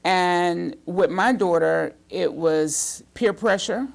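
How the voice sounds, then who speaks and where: Female guest, fifties, from the Bahamas, low voice with a gravelly edge, plain-spoken. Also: takes it slowly. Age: 50s. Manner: earnest, plain-spoken storytelling. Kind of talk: talk show interview. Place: studio.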